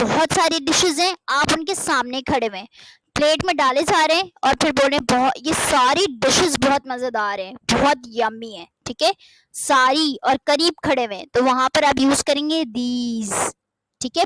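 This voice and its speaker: A woman teaching an English grammar lesson in Hindi, slowly drawing out each English example sentence and then translating it, often calling her students "beta". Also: high-pitched, background noise. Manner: addresses listeners as "beta", keeps checking with "theek hai". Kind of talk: classroom-style grammar lesson.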